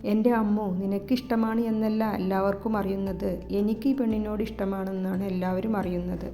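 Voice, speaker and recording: A woman voicing a young man who is a gentle, teasing lover, speaking softly and playfully in an audio story. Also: medium pitch, level tone, brisk, soft background music, close to an everyday voice. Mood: tender teasing. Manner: soft, playful and affectionate.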